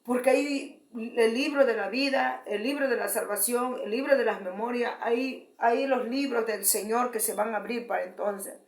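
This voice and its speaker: A woman giving a fervent testimony sermon, often repeating her address to the congregation and restarting phrases. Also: a little high. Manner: repeats "beloved brethren", halting restarts. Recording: roomy echo.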